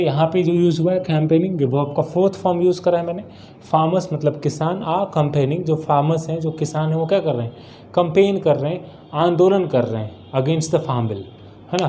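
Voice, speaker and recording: A man teaching vocabulary, his voice fairly high and warm. He reads example sentences slowly, then explains each one and asks and answers his own questions. Faint noise sits under the recording. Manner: mixes Hindi and English. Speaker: English teacher. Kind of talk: vocabulary lesson.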